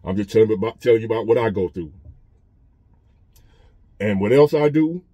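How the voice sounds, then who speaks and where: A lively, lowish-voiced man in his fifties talks a little fast to his phone camera from a parked truck, earnestly repeating himself like a casual motivational preacher. His tone is warm, and the dull audio has no echo.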